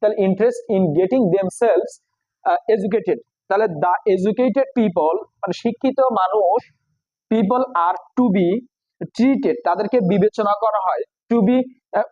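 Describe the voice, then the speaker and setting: A man with a Bengali accent, a native Bengali speaker, teaching English grammar for exams, explaining each phrase slowly with many pauses. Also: high-pitched, darkish tone, no echo, lo-fi sound. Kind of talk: exam prep lesson.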